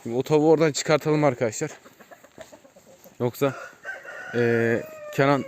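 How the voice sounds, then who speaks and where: A man casually gives viewers a tour of his outdoor chicken coops, chatting with them like friends and calling out to his birds. His mid-range voice is a little mellow, fairly even in intonation, and moderately paced. Hens cluck and roosters crow throughout the noisy outdoor audio.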